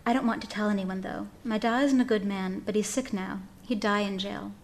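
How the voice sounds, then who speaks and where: A woman's voice: mid-range voice, fairly even intonation, fairly quick, slight background noise, natural voice. A woman reading aloud, voicing an anxious, earnest young man in a storybook tale, in a pleading, urgent manner. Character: anxious young Irish farm lad, earnest.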